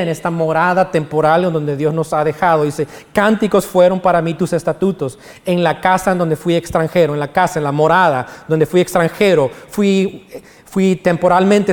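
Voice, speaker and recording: A man's voice: on the high side, long reverb tail. A man preaching a sermon in as pastor, explaining scripture point by point. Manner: preaching with sung quotes of songs.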